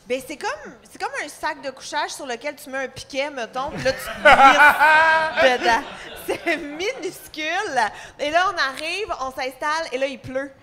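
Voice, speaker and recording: A woman's voice: high voice, normal speed, few pauses, a bit bright. A woman with a Québécois French accent, co-hosting a live podcast and telling a story casually with laughter in her voice. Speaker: podcast co-host.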